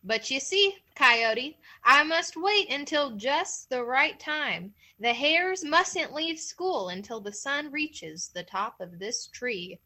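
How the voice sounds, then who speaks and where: A woman's voice: sits high, expressive, takes it slowly, few pauses, bright, forceful tone, exaggerated voice. A woman voicing a scrawny, sly old male hare who talks sweetly and innocently to trick a coyote. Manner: sweet, innocent-sounding, cunning.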